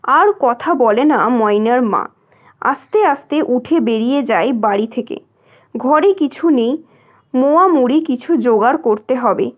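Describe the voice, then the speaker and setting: A woman reading a literary short story aloud in a measured narrating voice. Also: a little high, lively intonation. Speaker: story reader.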